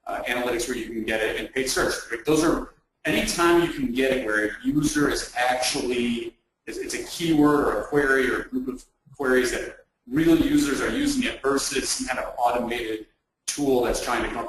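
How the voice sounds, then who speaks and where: Man, panelist, mid voice, measured, distant mic, heavy room echo. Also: medium pitch. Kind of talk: expert discussion.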